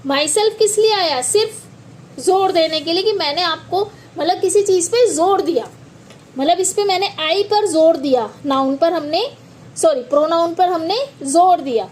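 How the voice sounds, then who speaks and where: High-pitched woman teaching slowly. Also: slight background noise. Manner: patient, repeats points, checks understanding. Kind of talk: grammar lesson in Hindi and English.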